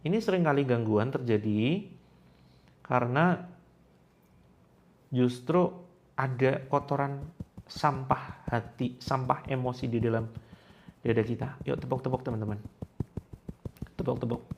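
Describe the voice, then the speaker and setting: Man, gravelly voice, guided ruqyah session, coaxing, chanting prayers over and over. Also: mid-range voice, measured pace, pauses often, dull audio. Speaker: ruqyah coach leading viewers.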